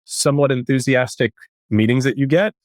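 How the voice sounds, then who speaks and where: A man's voice: mid-range voice, a little fast, no room sound. A man speaking as a startup founder in a candid, casual interview, with a tech-bro manner heavy on venture jargon.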